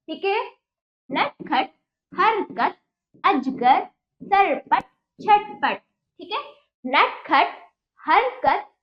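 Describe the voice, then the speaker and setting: A woman teacher giving a children's reading lesson, breaking words into syllables and repeating them slowly for the children to follow. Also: high voice. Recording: dull lo-fi recording.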